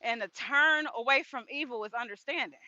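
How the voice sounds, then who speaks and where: A woman's voice: high-pitched, a little fast, pushed and bright, dry recording, lo-fi sound. A woman, chatting about her faith in a casual walk-and-talk vlog. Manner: chatty, faith-focused, laughs often. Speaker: vlogger. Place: outdoors on a walk.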